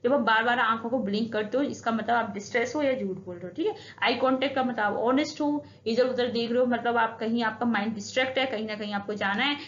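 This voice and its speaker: Woman teacher, slightly high pitch, explains with examples; echoey, muffled audio. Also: quick pace, few pauses. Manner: mixes Hindi and English, explains with everyday examples. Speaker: exam-prep teacher. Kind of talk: revision lecture. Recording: dull audio with room echo and faint hiss.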